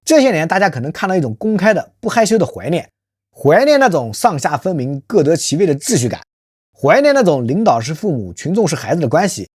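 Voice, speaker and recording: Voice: medium pitch, sing-song, fast talker, a little mellow, husky, no room sound, clean studio sound. A channel host delivering a scripted social commentary monologue, rhetorical and emphatic, often posing questions to listeners. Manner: calls self by nickname in third person.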